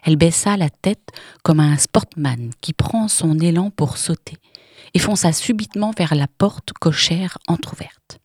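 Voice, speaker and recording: A woman narrating a literary novel in a measured, dramatic way, often dropping to a whisper. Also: fairly low pitch, darkish tone, husky, no echo, studio quality.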